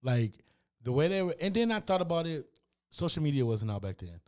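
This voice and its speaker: A man co-hosting a podcast in casual chat, laying out facts in a relaxed, laid-back way. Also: on the high side, a little fast. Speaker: podcast co-host.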